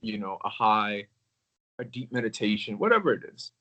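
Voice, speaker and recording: A man in casual conversation about crystals, talking in a relaxed, rambling way with many filler words. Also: lowish voice, normal speed, low-quality recording. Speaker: crystal collector.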